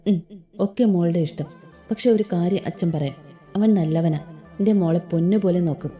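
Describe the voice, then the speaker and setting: A woman voicing a loving, remorseful middle-aged father in a Malayalam audio story, speaking gently and tenderly. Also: on the low side, normal speed, lightly acted. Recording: slightly dull with soft background music.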